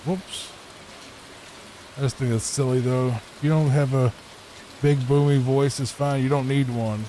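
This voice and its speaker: A man with a Virginia accent giving soft, rambling gameplay commentary meant to help listeners sleep, recorded on a microphone in a home room. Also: medium pitch, steady tone, a little slow, slight background noise, low-quality recording. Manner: laid-back, rambling. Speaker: gameplay channel host. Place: home room, not a booth. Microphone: studio microphone with added EQ.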